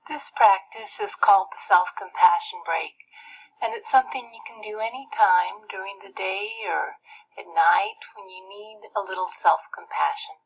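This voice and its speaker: A woman leading a guided meditation in a soft, breathy, almost whispered way with gentle pauses. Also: mid-range voice. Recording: muffled lo-fi playback.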